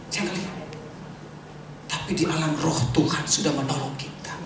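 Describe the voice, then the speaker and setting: A man preaching with a high, bright voice, animated and quick to laugh. He sounds far from the microphone, and the sound carries through a very echoey hall with steady background noise. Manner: animated preaching, laughing often, bursts into song. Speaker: pastor. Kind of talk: sermon with testimony. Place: church hall.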